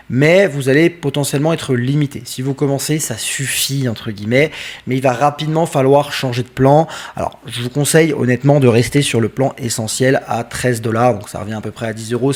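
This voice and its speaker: A man's voice: medium pitch, darkish tone. Casual French man giving a tutorial. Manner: casual, many fillers, addresses viewers directly. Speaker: trading educator. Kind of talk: screen-share software tutorial.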